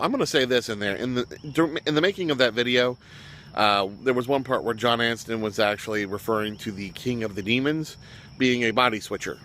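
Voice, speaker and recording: A man's voice: mid-range voice, bright, forceful tone, a little hiss or hum. Chatty male vlogger reviewing an episode. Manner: chatty, rambling with fillers, jokey asides. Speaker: show reviewer.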